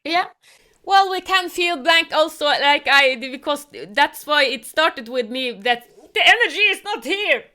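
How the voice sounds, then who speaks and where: A woman hosting a casual online conversation who speaks earnest, halting English full of spiritual talk. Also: high-pitched, animated, pushed and bright. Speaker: host. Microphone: online call.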